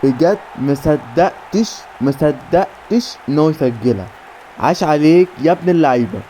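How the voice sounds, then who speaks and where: An Egyptian man commentating his own football video game match with rapid bursts of player names and cheering. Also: a little high, expressive, slight background noise. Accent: Egyptian Arabic. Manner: rapid name-calling bursts, cheering shouts. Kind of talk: excited play-by-play game commentary.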